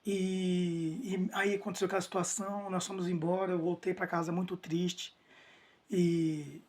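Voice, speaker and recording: Husky young man giving a faith testimony. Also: high voice. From Brazil. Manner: earnest, emotional retelling with many restarts. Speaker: testimony speaker.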